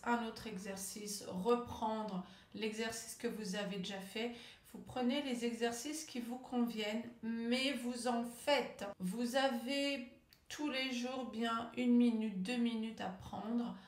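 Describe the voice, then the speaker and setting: A woman from France coaching people who stutter, guiding calm breathing and word-stretching exercises in a slow, drawn-out way. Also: on the high side. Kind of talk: guided speech exercise lesson. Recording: echoey room, voice a bit off-mic.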